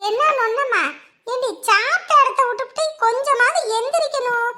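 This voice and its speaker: A woman's voice: very high voice, a little fast, heavy background noise. A scolding village mother-in-law. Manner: nagging, scolding, mocking. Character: scolding mother-in-law, sharp-tongued older village woman. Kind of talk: TV serial acting.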